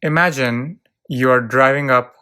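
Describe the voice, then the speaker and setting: Very slow and soothing, a narrator guides listeners through a visualization for relaxation. The medium-pitched voice stays clean and smooth, offering short, tranquil phrases set apart by long silences.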